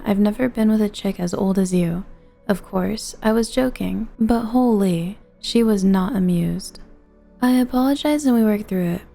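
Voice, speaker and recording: A woman's voice: medium pitch, dark tone. A woman reading first-person online confession stories as scripted narration.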